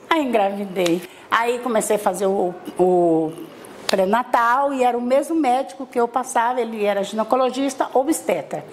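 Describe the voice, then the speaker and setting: Recounting her life to an interviewer, a middle-aged Bahian mother from Salvador, Brazil, talks in a high-sitting voice. Her chatty account is dotted with tag questions and restarts, and a little hiss or hum sits underneath.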